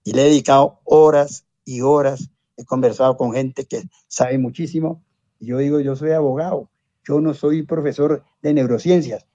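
Older Colombian man, mellow and dry. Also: a little high, no room sound, highs cut off. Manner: discursive, tag questions and exclamations, self-corrects. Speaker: lawyer and science popularizer, interview guest. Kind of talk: rambling anecdotal interview talk.

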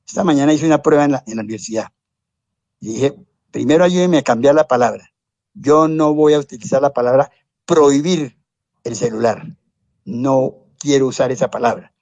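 Older Colombian man, mellow and dry. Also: mid-range voice, moderate pace, no room sound, lo-fi sound. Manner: discursive, tag questions and exclamations, self-corrects. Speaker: lawyer and science popularizer, interview guest. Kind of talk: rambling anecdotal interview talk.

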